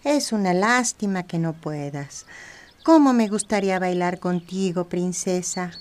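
A woman's voice: lowish voice, measured pace, a little mellow, lightly acted. A woman voicing a playful, friendly magic butterfly in a children's audio story. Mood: playful, coaxing.

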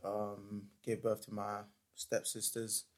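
A young man from Nigeria, chatting casually on a podcast in a lively way, peppered with slang. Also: on the low side, takes it slowly. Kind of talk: casual chat.

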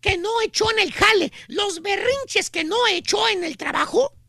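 Gravelly, slangy Mexican comic host. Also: male voice, extremely high pitch, no echo. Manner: slangy, animated, dramatic pauses. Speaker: radio show host. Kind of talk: comic storytelling.

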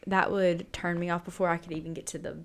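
A woman's voice: lowish voice, little pitch movement, fast, fairly bright tone. A young adult woman co-hosting a casual podcast chat, laughing often and filling her talk with "like". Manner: giggly, filler-heavy, lots of "like". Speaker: podcast co-host.

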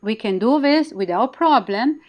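A woman with non-native English phrasing, gently and reassuringly explaining and leading a guided meditation in a smooth, clear voice. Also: fairly high pitch, lively intonation, a little slow, highs cut off. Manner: gentle, reassuring, simple encouragement. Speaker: spiritual healer, guest leading a guided activation.

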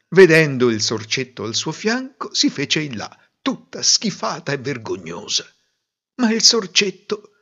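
A man narrating a fairy tale with expressive, animated storytelling. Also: medium pitch, slightly rough, lo-fi sound.

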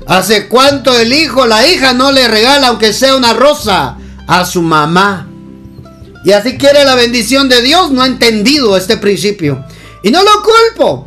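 High-voiced preacher guy, slow and fired up, faint guitar behind. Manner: impassioned, swings between loud exclamations and slow emphatic phrases. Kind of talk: sermon.

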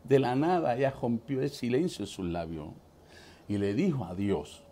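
A man's voice: medium pitch, animated, moderate pace, warm tone. A man with a Puerto Rican accent, a pastor telling his life testimony in an emotional storytelling manner, often breaking in with praise. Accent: Puerto Rican Spanish. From Puerto Rico. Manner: emotional storytelling, repeats "gloria a Jesús". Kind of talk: testimony sermon.

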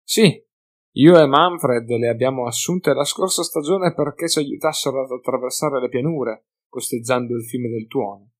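A man voicing Dieter, a calm grizzled huntsman. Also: mid-range voice, moderate pace, lightly acted. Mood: assured. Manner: calm, self-assured. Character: grizzled male huntsman and weapons master.

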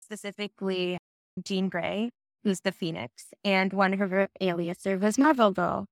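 A woman's voice: medium pitch, measured pace, no room sound. Chatty young woman, dry close sound. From Bangladesh. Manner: chatty, upbeat, many "like" and "you know" fillers, light laughs. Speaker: guest. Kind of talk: casual podcast interview.

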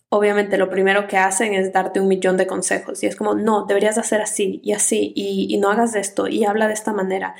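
Calm, unhurried woman giving advice. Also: medium pitch. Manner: calm and unhurried, sometimes soft; mixes in English words. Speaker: content creator. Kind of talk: casual advice monologue.

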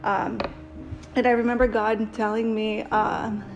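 A woman's voice: a little high, little pitch movement, measured pace, dull audio, music in the background. A woman co-hosting a casual talk, sharing a personal testimony in an earnest, rambling way with fillers. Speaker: podcast co-host.

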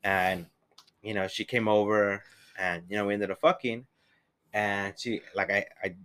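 Laid-back young man with a lowish voice. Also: fairly even intonation, unhurried, fairly bright tone, smooth. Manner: laid-back, crude storytelling. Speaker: podcast guest, host's brother. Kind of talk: casual chat.

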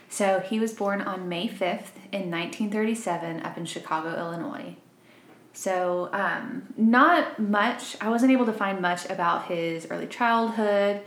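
A woman's voice: mid-range voice, unhurried. Chatty 20s woman from arkansas telling a true crime case, laughs a lot, roomy echo. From Arkansas, grew up in Missouri. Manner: chatty, laughs easily, trails off quietly. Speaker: podcast co-host. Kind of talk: casual true crime chat.

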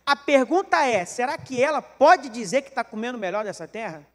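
High-voiced Brazilian pastor preaching in a hall. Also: male voice, a little fast, background noise. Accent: Brazilian Portuguese. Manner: joking, animated preaching with rhetorical questions to the congregation. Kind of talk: sermon.

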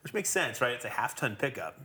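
Fast talking host guy, bright voice, cracks little jokes. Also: medium pitch, big pitch swings. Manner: chiming in with quips. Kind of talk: casual chat.

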